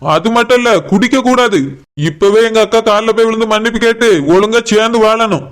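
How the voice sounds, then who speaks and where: Man as a fast-talking young cartoon villager with a Kanyakumari Tamil accent, scolding and threatening. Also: high-pitched, fairly even intonation, smooth, natural voice. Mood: stern. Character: young man scolding his drunk brother-in-law, stern.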